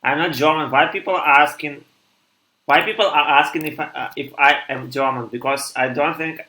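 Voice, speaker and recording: Young man, Russian accent, live coding stream, halting think-aloud manner, crisp bright tone, roomy echo. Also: fairly high pitch. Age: 20s. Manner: halting, thinks aloud with many pauses and restarts.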